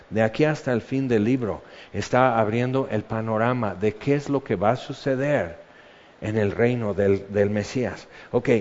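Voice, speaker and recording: A man with a Mexican Spanish accent and a mid-range, darkish voice preaches a sermon styled as a conversational Bible lesson. He explains things in a chatty way, often checking in with "ok", and the audio is dull with long hall reverb.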